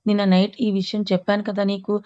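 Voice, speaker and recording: A woman's voice: mid-range voice, level tone, quick pace, mellow, lo-fi sound, close to an everyday voice. A woman voicing a doting young husband who coaxes and soothes his pregnant wife in a story reading. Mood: coaxing. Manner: coaxing, affectionate. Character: doting young husband, patient but short-fused.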